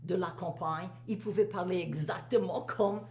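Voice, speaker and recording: A woman's voice: fairly low pitch, normal speed, darkish tone. An older woman with a Cajun French accent chats and reminisces, repeating phrases for emphasis and dropping in the odd English word. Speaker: interviewee, teacher recalling a career. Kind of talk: casual reminiscing conversation. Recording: echoey room, faint hum and noise.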